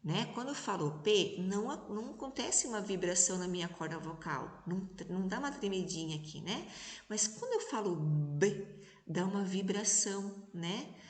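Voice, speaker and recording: A Brazilian woman teaching young children in a remote lesson, speaking slowly and patiently and stretching out syllables. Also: medium pitch, animated. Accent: Brazilian Portuguese. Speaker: primary school teacher. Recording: echoey, reverberant room.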